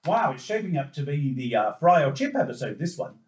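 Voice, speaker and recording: A man co-hosting a podcast, asking questions in a lively way. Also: a little high, a little fast, echoey room. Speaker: podcast co-host. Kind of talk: casual podcast interview.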